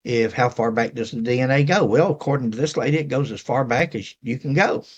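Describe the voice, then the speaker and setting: Male host, Appalachian accent, folksy rambling delivery, medium pitch, casual chat to an online audience. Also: brisk, slightly rough, dull audio. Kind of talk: casual talk to viewers, reading messages aloud.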